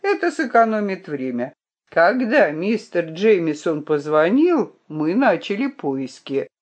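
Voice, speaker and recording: A man's voice: high voice, very animated, unhurried, highs cut off, exaggerated voice. A reader voicing a young male gardener who speaks bluntly and directly, without preamble. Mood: explaining.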